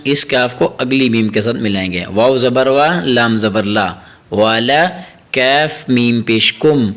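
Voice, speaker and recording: A man teaching a tajweed lesson, spelling out letters and vowel marks, then chanting the syllables slowly and melodically between quick plain explanations. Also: medium pitch, fairly bright tone. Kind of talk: step-by-step recitation lesson.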